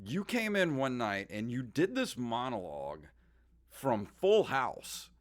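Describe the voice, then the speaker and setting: A man's voice: medium pitch, huge pitch swings, slow pace, gravelly. A man hosting a casual podcast chat, laid-back and enthusiastic with his guest. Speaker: podcast host.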